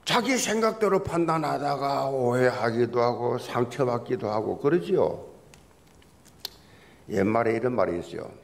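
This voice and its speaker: A man's voice: mid-range voice, animated, normal speed, creaky. A man preaching a Sunday sermon in a church, a pastor with a folksy, joking storytelling manner. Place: church sanctuary.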